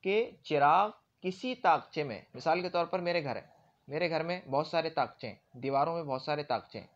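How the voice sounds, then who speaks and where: The recording is dull and lo-fi, carrying a man's slightly high, animated voice as he lectures on Arabic grammar. He leans on everyday examples and often pauses to confirm that listeners understand.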